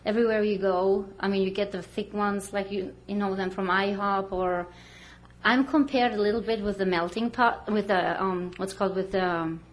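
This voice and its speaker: A woman from the Czech Republic, a restaurant owner speaking at a council podium, hesitant with many pauses. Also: mid-range voice, fairly even intonation. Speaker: restaurant owner applying for a license.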